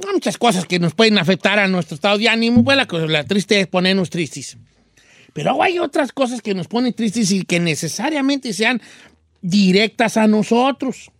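A man's voice: sits high, animated, normal speed, fairly bright tone, no room sound, clean studio sound. A man hosting a comedic radio show, teasing and playful, often stumbling over his words. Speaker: radio host.

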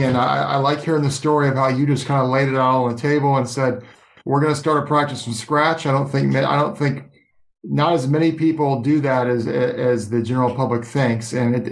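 A man's voice: medium pitch, steady tone, a little fast, gravelly. A man hosting a podcast interview in a casual, conversational way. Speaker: podcast host.

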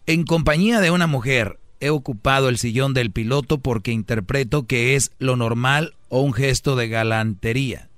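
A Mexican man hosts a sarcastic commentary, mocking and acting out quotes in put-on voices. His voice sits at a middling pitch. The sound is dry and close, with no room around it. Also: normal speed, few pauses, fairly bright tone, no echo. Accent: Mexican Spanish. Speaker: host.

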